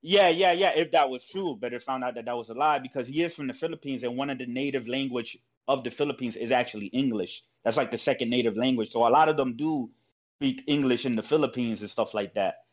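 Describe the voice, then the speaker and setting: A man talks casually and at length. His speech is full of fillers, restarts and profanity. The audio is dull and lo-fi, with an ordinary mid-range pitch. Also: fast talker. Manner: rambling, profane, lots of fillers. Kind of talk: casual chat.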